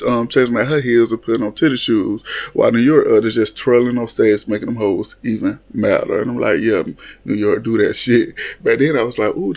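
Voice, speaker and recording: A man casually recapping a reality show reunion, laughing often, swearing freely and acting out what the cast members said. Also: mid-range voice. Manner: animated, laughing, profane, mimics cast members.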